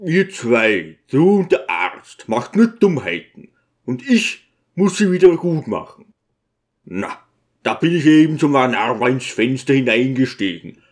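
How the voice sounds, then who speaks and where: A burly, hot-tempered deacon blusters and takes offense easily, as a male audiobook reader acts him out. He speaks slowly and his pitch swings widely. His tone stays close to the reader's own. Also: very animated. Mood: boastful. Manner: blustering, indignant.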